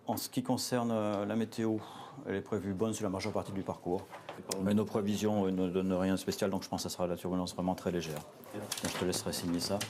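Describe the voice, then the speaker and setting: A man's voice: sits low, flat delivery, fast. A man speaking as an airline captain, giving professional briefings and announcements. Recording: clear aircraft background noise.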